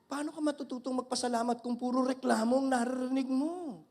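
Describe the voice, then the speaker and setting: An older male pastor preaching an animated sermon, mixing Tagalog and English and calling out to his congregation. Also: very high-pitched, brisk.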